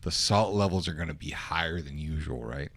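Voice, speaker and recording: A man's voice: rumbling low, a little fast, gravelly, a bit bright, no echo. A man hosting a podcast, chatting casually and loosely with lots of slang and filler words. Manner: laid-back, slangy, with lots of "like", "dude" and "bro". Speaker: podcast host. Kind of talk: casual interview chat. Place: podcast studio.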